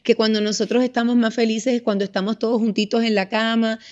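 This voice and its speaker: A woman in her fifties, a mother chatting on a podcast, telling stories with lively acted-out voices. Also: on the high side, fast talker, highs cut off. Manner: animated storyteller, acts out voices in anecdotes. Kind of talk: casual podcast conversation.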